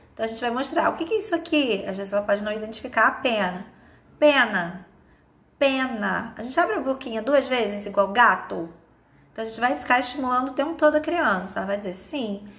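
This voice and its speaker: Brazilian portuguese woman, slightly high voice, walks you through an online lesson, slows down on example words. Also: a bit bright. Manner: patient, explains step by step with many "né?" and "tá?"; stretches out example words slowly. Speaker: teacher of a course.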